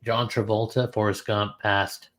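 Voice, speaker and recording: Laid-back, low-voiced male podcaster. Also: little pitch movement, measured pace, fairly bright tone. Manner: laid-back, blunt, with casual swearing. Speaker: podcast co-host. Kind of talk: casual chat.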